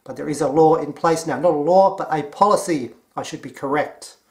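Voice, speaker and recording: A man with an Australian accent giving a mocking, deadpan commentary. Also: fairly high pitch, a little fast. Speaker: commentary vlogger. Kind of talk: sarcastic commentary.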